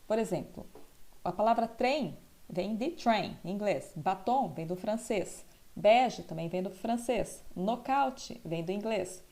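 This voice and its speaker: A woman's voice: medium pitch, expressive, slow, a little mellow. A woman teacher explaining a school lesson, often checking in with tag questions.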